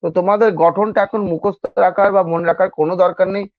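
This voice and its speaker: A man's voice: sits high, fairly even intonation, fast, dry recording, narrow, tinny audio. A man teaching an exam-prep grammar lesson, who repeats each point and keeps asking his students questions. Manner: addresses students informally. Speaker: English teacher.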